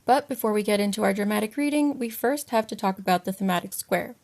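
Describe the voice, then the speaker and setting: Female podcast co-host, mid-range voice, brisk and plain. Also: mid-range voice, darkish tone. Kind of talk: podcast chat and script reading.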